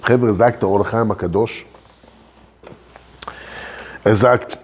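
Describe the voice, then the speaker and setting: A man teaching a religious lesson as a rabbi, animated and often putting questions straight to his listeners. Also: fairly low pitch, slow, slight background noise. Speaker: rabbi teaching a Torah class.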